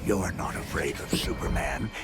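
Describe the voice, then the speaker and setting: An actor playing a sinister scarecrow villain in a video game, taunting with a menacing, mock-clinical manner. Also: male voice, low-pitched, normal speed, heavy background noise, natural voice. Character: sinister male scarecrow villain, mocking mind-tormentor. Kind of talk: video game cutscene acting. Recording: loud music behind the voice.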